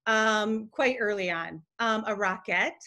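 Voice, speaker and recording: A middle-aged woman chatting as a guest from home, telling lively stories and acting out the people she quotes. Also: medium pitch, a little slow. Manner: lively storyteller who acts out quoted people. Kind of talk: casual chat.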